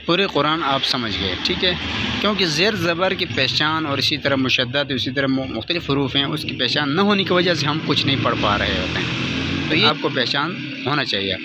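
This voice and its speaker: A male teacher giving an online reading lesson, patiently explaining step by step and slowly sounding out each letter and vowel in drills. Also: a little high, lively intonation, background noise.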